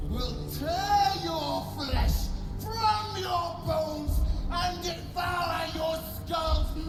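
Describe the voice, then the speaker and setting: Fantasy game villain: menacing female god-queen, imperious and theatrical, drawn-out pacing, music behind. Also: on the low side, reverberant, heavily acted, rough recording. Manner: grandiose, commanding, theatrical delivery. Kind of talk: fantasy video game acting.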